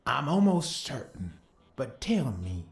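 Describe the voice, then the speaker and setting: A man's voice: medium pitch, sing-song, slow pace, creaky, reverberant, soft background music, exaggerated voice. An actor playing a skeptical male detective in a video game, asking sardonic, probing questions.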